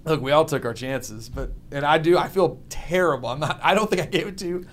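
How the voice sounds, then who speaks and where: A man from Texas hosting a casual chat, telling stories with lively voice mimicry. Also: fairly high pitch, brisk. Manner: animated storyteller, mimics voices.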